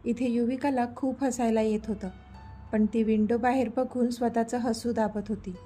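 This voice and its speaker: A woman storyteller reading a romantic story aloud in a steady, even way. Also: on the high side, moderate pace, faint music behind. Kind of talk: scripted story narration.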